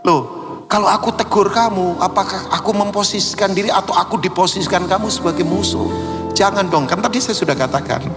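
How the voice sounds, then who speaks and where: A man preaching a sermon, animated, acting out dialogue and shouting for emphasis. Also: high-pitched. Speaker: pastor. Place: large church hall. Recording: long church hall reverb.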